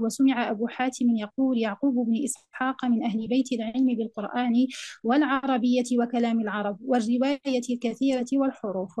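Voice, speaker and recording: A woman's voice: fairly high pitch, mellow, no room sound. Woman reading a paper in dry sound. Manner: measured formal reading. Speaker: conference presenter.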